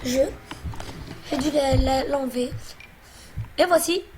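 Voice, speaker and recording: A woman's voice: sits high, slow pace, background noise. A woman hosting a let's play, chatting casually and bossily teasing her co-player as she plays. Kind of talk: casual gameplay commentary.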